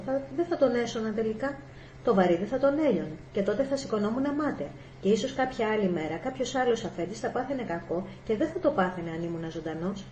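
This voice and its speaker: A woman voicing a polite, reasoning male robot, speaking in a measured, deferential way. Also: fairly high pitch, a little mellow, slight background noise, close to an everyday voice. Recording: echoey room, faint ambience.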